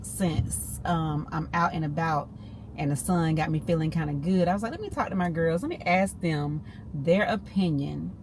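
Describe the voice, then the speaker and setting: A woman's voice: deep voice, moderate pace, darkish tone. A woman, vlogging in a casual chat from her car and talking straight to her viewers. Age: 50s. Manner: chatty, talks straight to viewers as "y'all" and "girl". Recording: noisy car ambience.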